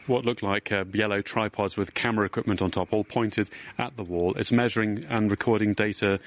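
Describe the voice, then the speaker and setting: Male radio presenter, fast-talking, low-ish voice, brisk and curious outdoor interviewer. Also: fairly even intonation. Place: outdoors on a hillside street.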